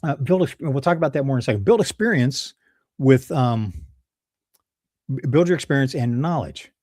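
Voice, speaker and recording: A man's voice: medium pitch, lively intonation, moderate pace, darkish tone, dry recording, studio quality. A man with a Midwestern accent hosting a solo leadership advice talk, conversational and prone to digressions and self-corrections. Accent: Midwestern American. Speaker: leadership channel host.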